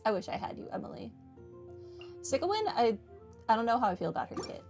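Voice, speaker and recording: A woman streamer gives casual, chatty commentary on her playthrough, with dry, self-deprecating humor, as game music plays. Her voice is a little high and creaky with a darkish tone, very animated and quick.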